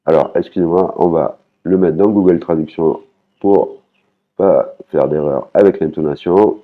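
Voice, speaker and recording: A man's voice: low-pitched, a little slow, phone-quality sound. A man teaching a language lesson, patiently repeating words and singing out their tones.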